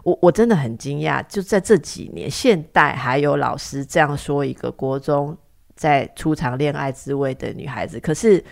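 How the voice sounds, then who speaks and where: A woman host and psychotherapist with a Taiwanese Mandarin accent, telling a story in casual, animated talk full of rhetorical questions and repeats. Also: sits low, normal speed, creaky.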